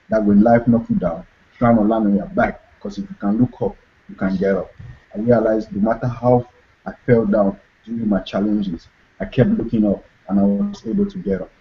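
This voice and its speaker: With a fairly low voice and a brisk pace, a young adult man from Cameroon talks earnestly as a guest author in a motivational interview, repeating his key phrases. The lo-fi recording is dull, with slight background noise.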